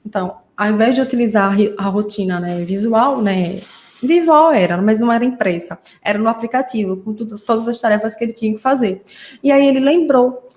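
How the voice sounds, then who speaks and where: A woman's voice: fairly high pitch, fairly quick. A woman speech therapist teaching parents in a live online class, explaining patiently and often checking in with "né?". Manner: warm explanatory, frequent "né?" tags. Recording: roomy echo.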